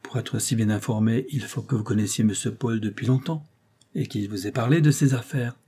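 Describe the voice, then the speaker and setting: A man's voice: medium pitch, fairly quick, mellow, slightly rough. A man reading an audiobook voices a scheming old male clerk who speaks in a paternal, ironic and emphatic way. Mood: inquisitive.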